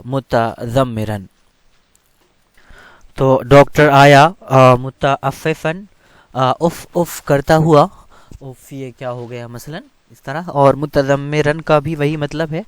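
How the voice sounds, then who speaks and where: A man's voice: mid-range voice, no echo. A man teaching an Arabic text. He reads each line, then translates and explains it, with many hesitant fillers.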